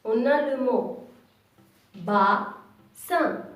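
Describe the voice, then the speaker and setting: A woman teacher giving a reading lesson to young children, patiently repeating each syllable slowly and clearly. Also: fairly high pitch. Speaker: kindergarten teacher. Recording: echoey room, voice from far off, faint music.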